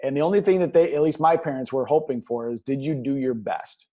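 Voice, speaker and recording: A man's voice: medium pitch, fairly quick, dark tone. A man speaking as a guest business coach, talking in an earnest, motivational way and leaning on pet phrases. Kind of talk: motivational interview talk.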